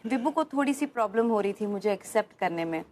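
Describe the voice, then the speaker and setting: An actress playing a poised, teasing modern housewife who talks crisply and drops English phrases into her speech. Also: mid-range voice, animated, quick pace, darkish tone, a little hiss or hum, lightly acted. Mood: brisk. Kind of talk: sitcom acting.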